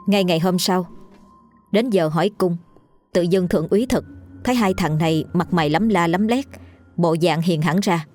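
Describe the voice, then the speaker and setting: Low-voiced woman narrating a ghost story. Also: moderate pace, darkish tone, soft background music.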